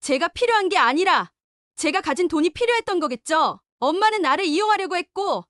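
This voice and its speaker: A woman's voice: very high-pitched, animated, fairly quick, fairly bright tone, no echo, studio quality, voice pushed up. A woman doing a cold, accusing grown daughter. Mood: cold fury. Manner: firm, accusing.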